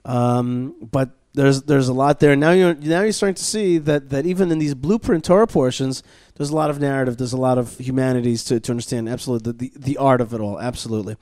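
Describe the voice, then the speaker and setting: A man's voice: mid-range voice, fast, a little mellow, dry recording, clean studio sound. A man hosting a radio talk show, chatting casually and doing sponsor plugs with many restarts and fillers. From Israel. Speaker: podcast host. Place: studio at a learning center.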